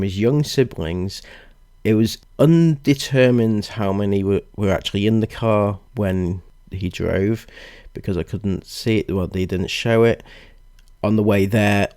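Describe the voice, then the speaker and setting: A man with a fairly low voice delivers disapproving commentary at a slow pace. He is deliberate in how he sets out his points, and the sound is dry and close. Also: darkish tone, no echo. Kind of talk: video commentary with read-out passages.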